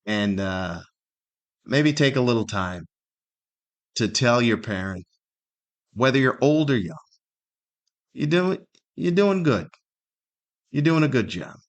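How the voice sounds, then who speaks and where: Speaking slowly and pausing often, this podcast host and comedian has a mid-range voice with lively intonation. He's a middle-aged American man on a solo show, chatting in a loose, rambling way and occasionally performing imagined remarks.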